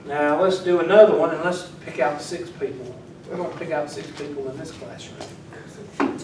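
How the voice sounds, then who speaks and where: Teasing teacher in an echoey classroom. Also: male voice, a little high, moderate pace. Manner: teasing, talks to students while working. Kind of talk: classroom lecture. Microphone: far from the mic. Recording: echoey classroom from far off, faint noise.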